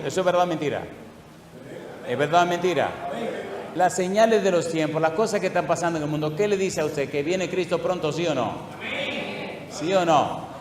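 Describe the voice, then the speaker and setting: A male pastor preaching a sermon, asking the congregation question after question and drawing out scripture readings slowly. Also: fairly high pitch. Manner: asks the congregation repeated questions; slow, drawn-out emphasis on scripture. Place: church hall. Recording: echoey hall, faint room noise.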